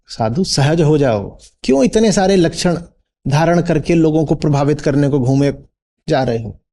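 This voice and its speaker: A man's voice: a little high, animated, normal speed, mellow. A man teaching as a spiritual teacher in a discourse, posing rhetorical questions and checking in with his listeners.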